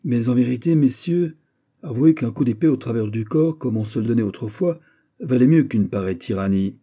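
A man's voice: medium pitch, animated, fairly quick, dark tone, voice pushed up. A man voicing a resentful, proud young nobleman with a bitter, clipped manner, in a storybook reading.

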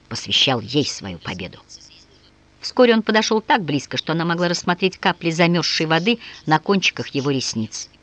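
A woman reads a novel aloud in audiobook style, with lively, strongly varied intonation. The recording is dry and close, with no room sound. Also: low-pitched, no echo. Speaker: audiobook reader. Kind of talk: audiobook narration.

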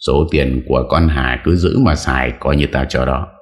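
A man's voice: rumbling low, normal speed. A man voicing a stern young martial-arts master who gives curt, firm orders. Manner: curt, commanding.

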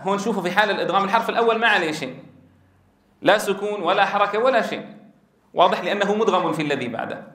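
A man teaches a tajweed lesson and stretches words slowly to show how they sound. His voice sits high, and it rings in a roomy, echoey space. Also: fairly bright tone. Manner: asks questions and answers them himself. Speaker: Quran teacher.

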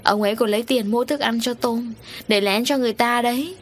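A woman voicing an angry, wronged middle-aged wife who confronts her unfaithful husband in shrill, accusing words. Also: fairly quick, slight background noise, close to an everyday voice. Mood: tearful complaint.

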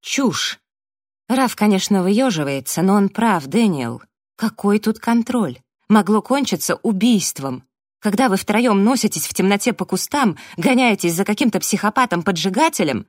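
An audiobook reader voicing a young woman who is frightened and angry, breaking into sharp, rising outbursts. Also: sits low, normal speed, no room sound, studio quality. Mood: furious.

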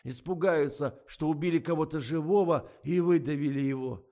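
A man's voice: fairly high pitch, moderate pace, mellow, voice pushed up, lightly acted. A man voicing a timid male camera operator with a nasal, stuffy voice from a cold.

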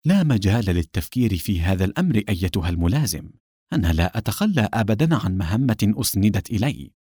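A man voicing a calm, sarcastic male secret agent in an audiobook. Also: on the low side, fast talker, dry recording, studio quality.

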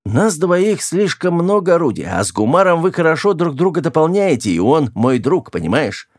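A man's voice: fairly high pitch, very animated, no room sound, clean studio sound, pitched above the performer's own voice. A man doing a hesitant young man. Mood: earnest. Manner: hesitant, slow. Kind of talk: audiobook character voice.

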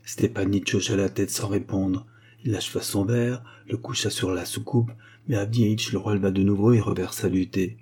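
Husky-voiced male storyteller. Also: on the low side, steady tone, moderate pace, a little mellow. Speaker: audiobook narrator. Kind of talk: storybook narration.

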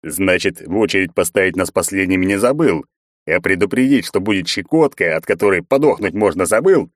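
Smug gruff orc, mocking and drawn out, a guy doing it. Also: deep voice, expressive, fairly quick, no room sound, clean studio sound. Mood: gloating.

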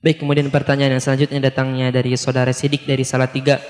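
A man reading a listener's question aloud to a preacher in a steady, even way. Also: mid-range voice, rapid-fire. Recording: long hall reverb.

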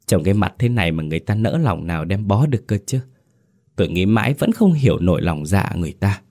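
A man's voice: low-pitched, moderate pace, darkish tone. A man voicing a doting older village wife, anxious and pleading, in a told ghost story. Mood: tender.

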